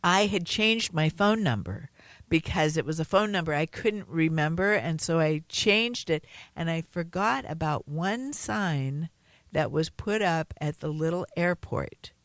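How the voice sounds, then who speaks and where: Slow-talking, earnest woman radio host. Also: low voice, lively intonation, no echo. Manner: earnest, encouraging, chatty with fillers. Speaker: radio show host, holistic healer. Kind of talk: radio talk, teaching and storytelling.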